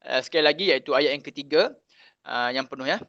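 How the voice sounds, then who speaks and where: A man's voice: medium pitch, vocal fry, fairly bright tone, no echo, lo-fi sound. A young Malaysian man teaching children Quran recitation, patiently drilling letter sounds over and over. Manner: patient, slow, repeats sounds and drills pronunciation. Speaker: religious teacher.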